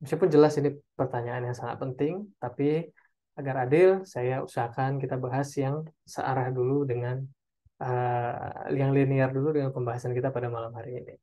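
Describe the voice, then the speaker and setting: A man's voice: medium pitch, steady tone, brisk, mellow. Chatty man answering parenting questions. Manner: conversational, tags phrases with "ya" and "oke"; reads and answers audience questions. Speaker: parenting webinar speaker. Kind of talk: online webinar Q&A talk.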